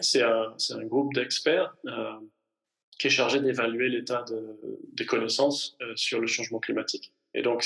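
A man's voice: mid-range voice, gravelly, a bit bright, poor audio. A man in his thirties from the French Alps, a climate scientist answering interview questions with many fillers and restarts. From Hautes-Alpes, France. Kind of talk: podcast interview.

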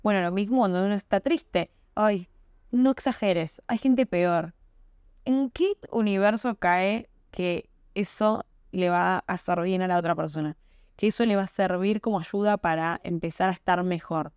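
A woman's voice: lowish voice, moderate pace, a little mellow, smooth, no room sound, clean studio sound. A young woman with an Argentine accent hosting a podcast, talking casually and emphatically with rhetorical questions. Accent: Argentine Spanish. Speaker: podcast host. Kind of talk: casual monologue.

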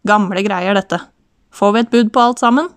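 Woman reading a brisk Southern Norwegian male auctioneer for an audiobook, chatty wry patter, dry studio sound. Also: high voice, smooth, no room sound, close to an everyday voice.

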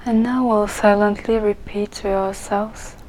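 Woman, meditation guide, soft breathy near-whisper, unhurried, flat gentle delivery. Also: medium pitch, a little hiss or hum, rough recording.

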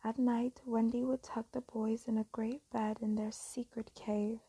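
A woman telling a fairy tale as a soft, slow, whispered bedtime story reading. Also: a little high, flat delivery, slightly rough, dry recording, rough recording.

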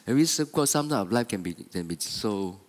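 A man preaches a sermon, repeating and restarting his phrases for emphasis. His mid-range voice moves in lively swings. The long reverb of a church hall trails behind him. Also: on the low side, brisk. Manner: repetitive, stop-start emphatic phrasing.

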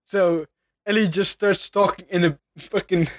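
A man's voice: sits high, fairly even intonation, a little slow, no echo. A man telling stories and teasing his friends in a casual podcast chat. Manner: teasing, storytelling.

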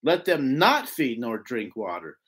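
This Bible teacher's medium-pitched voice is a bit bright and slightly rough, very animated yet measured in pace. Explaining scripture in an informal lesson, he's emphatic and rhetorical, frequently checking agreement with "right?"

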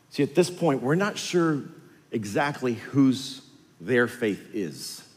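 A male pastor giving a sermon, telling the story with lively, animated delivery and acting out the characters. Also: fairly low pitch. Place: large church hall. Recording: hall reverb with faint music.

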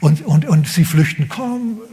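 A male pastor preaching a sermon, telling a story with animated emphasis, repeating words and dropping to whispers. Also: medium pitch, moderate pace.

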